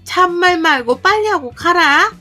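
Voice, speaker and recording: A woman's voice: very high voice, animated, measured pace, sharp tone, faint music behind, pitched above the performer's own voice, heavily acted. A woman voicing a nagging, scolding older mother-in-law who makes harsh demands.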